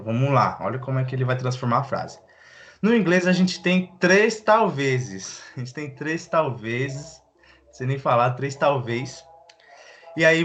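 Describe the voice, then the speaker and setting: A young man from Brazil teaching English online, easygoing and slangy, slowing down to model English phrases. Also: medium pitch, fairly bright tone, a little hiss or hum. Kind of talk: live online English lesson.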